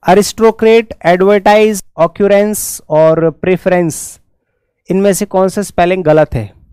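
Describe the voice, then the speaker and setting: A man with a Hindi accent runs a brisk exam-prep English lesson, urging students to answer quickly. His voice sits high and sounds smooth and clear. It is recorded dry and close, with no room sound. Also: fairly even intonation, a little mellow, no room sound. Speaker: English teacher.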